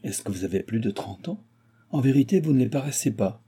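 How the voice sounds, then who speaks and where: A man's voice: mid-range voice, fairly quick, husky. A man reading the part of an old, skeptical, boisterous baron who mocks and exclaims. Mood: mocking. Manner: mocking, excitable exclamations.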